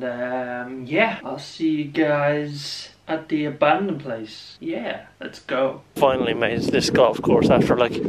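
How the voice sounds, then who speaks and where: A young Irish man vlogging casually, rambling with lots of "like" and "you know", sometimes sinking to hushed whispers as he explores. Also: mid-range voice. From Ireland. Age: young adult. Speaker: vlogger and musician. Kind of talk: casual vlog chat. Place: room indoors, then an abandoned building. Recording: echoey, distant camera audio.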